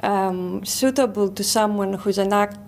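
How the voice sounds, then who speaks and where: A woman interviewing a guest, asking questions with many halting restarts. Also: mid-range voice, a little mellow. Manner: halting, many restarts, non-native phrasing.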